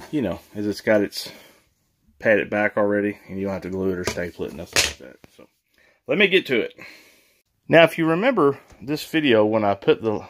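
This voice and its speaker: A man hosting a casual home renovation vlog, chatting informally while showing tools and work. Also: on the low side. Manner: chatty, informal, laughs at own jokes. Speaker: channel host, DIY renovator. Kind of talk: casual DIY vlog narration. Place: mobile home and workbench indoors.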